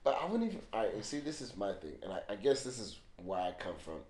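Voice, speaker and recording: A tired, laid-back man chatting casually about films, his voice sitting fairly low. He talks in an easy, joking way. The room around him is echoey. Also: big pitch swings, quick pace, a little mellow. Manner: laid-back, jokey, puts on voices when retelling. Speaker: podcast co-host. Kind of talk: casual film chat.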